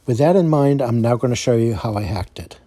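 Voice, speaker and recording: A man's voice: medium pitch, animated, fairly quick, warm tone. A man narrating step-by-step instructions as a tutorial presenter, explaining carefully and repeating key points.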